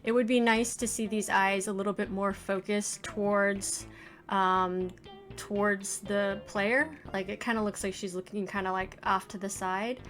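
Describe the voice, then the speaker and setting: A let's play host and indie game developer in her forties speaks in a mid-range, fairly bright voice, level in tone and a little slow. She thinks aloud about her first impressions in hesitant, trailing phrases. Video game music plays behind her.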